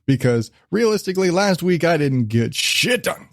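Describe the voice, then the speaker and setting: A podcast host rambles through a casual solo episode, swearing freely and cutting himself off mid-thought, with a lingering cough as he recovers from a cold. His voice is fairly high, with big pitch swings and a normal pace. The sound is close and dry, with no echo or room around it.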